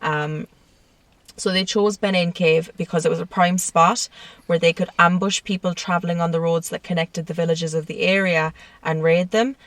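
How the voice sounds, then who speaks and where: A woman's voice: on the low side, fairly even intonation, normal speed, no room sound, distant mic. A woman co-hosting a casual true-crime podcast, telling the story with frequent laughs and swearing. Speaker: podcast co-host. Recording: dry sound, set back from the mic.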